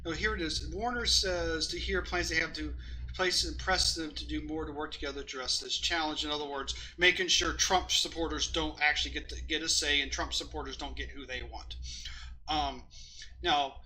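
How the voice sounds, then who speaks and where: A man's voice: fairly high pitch, fairly even intonation, normal speed, bright, forceful tone, a little hiss or hum, poor audio. A man giving cynical, sarcastic news commentary, swearing often and stumbling as he reads headlines aloud. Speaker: political commentary vlogger.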